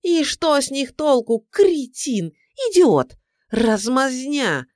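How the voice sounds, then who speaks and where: A woman voicing a domineering, scheming middle-aged mother-in-law who scolds in a shrill, indignant voice for an audiobook. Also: very animated, moderate pace, no echo, clean studio sound. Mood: furious. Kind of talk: audiobook character voice.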